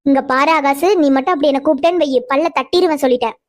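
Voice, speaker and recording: A woman's voice: sits high, quick pace, no echo, lightly acted. A woman voicing a grown sister in a cartoon, who scolds and teases her brothers with affection. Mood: teasing. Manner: scolding, teasing. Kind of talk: cartoon voice acting.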